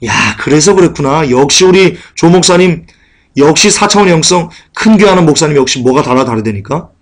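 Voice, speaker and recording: A man's voice: fairly high pitch, lively intonation, fairly quick. Man putting on a gullible, gushing churchgoer. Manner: gushing, credulous. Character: gullible adult male churchgoer, easily impressed.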